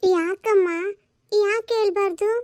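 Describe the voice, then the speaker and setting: A woman's voice: very high-pitched, steady tone, slow, darkish tone, no room sound, clean studio sound. A woman voicing a sick little daughter who keeps questioning and pleading with her mother in a homemade family drama. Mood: earnest.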